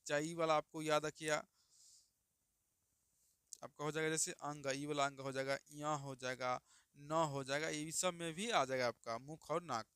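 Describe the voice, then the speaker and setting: A man's voice: on the high side, steady tone, unhurried, a bit bright, clear, resonant tone, dry recording, studio quality. A man teaching a grammar lesson to students, asking questions and answering them himself.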